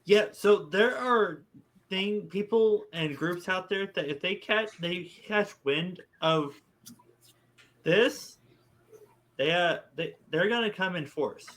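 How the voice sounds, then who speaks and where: Higher-voiced man in a casual game. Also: slow, a bit bright. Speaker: player in tabletop role-playing game. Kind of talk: casual improvised role-play.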